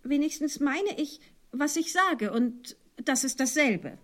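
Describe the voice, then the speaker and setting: A woman's voice: sits high, expressive, slow, a bit bright, full character voice. A woman playing a polite, puzzled young girl in an audiobook reading, speaking carefully.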